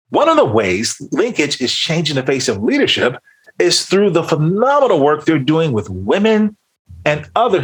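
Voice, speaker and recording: A man's voice: a little high, a bit bright, breathy edge. A man hosting a leadership podcast, reading a polished introduction and then interviewing a guest in an upbeat presenter's manner. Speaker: podcast host.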